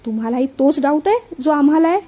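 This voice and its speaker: A woman voicing a meddling, sharp-tongued middle-aged aunt who prods and scolds. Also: high-pitched, lively intonation, fast talker. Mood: prying.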